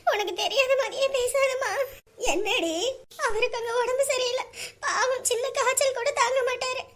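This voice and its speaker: A woman's voice: very high voice, moderate pace, a bit bright. A woman playing a tearful young married daughter who pleads while crying. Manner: weepy, pleading.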